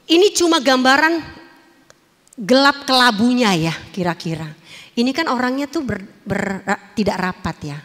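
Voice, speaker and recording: High-voiced woman testifying. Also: normal speed. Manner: animated, emotional storytelling addressing the audience. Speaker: testimony speaker. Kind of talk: church testimony to a congregation. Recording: long reverb of a large hall.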